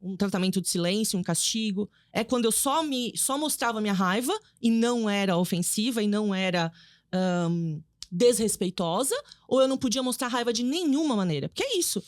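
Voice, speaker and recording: A woman psychoanalyst talking casually on a podcast, explaining fast with lively emphasis. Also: medium pitch, no room sound, studio quality. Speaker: psychoanalyst guest.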